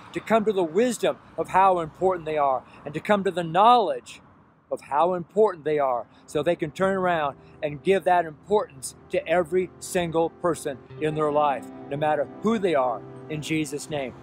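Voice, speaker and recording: A man's voice: a little high, normal speed, faint music behind. A man in his sixties preaching outdoors beside a road, talking earnestly into a camera held at arm's length and repeating his points with pleading emphasis. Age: 60s. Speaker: street preacher. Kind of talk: outdoor street sermon to camera. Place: roadside outdoors by traffic. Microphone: selfie camera at arm's length. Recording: faint traffic noise outdoors.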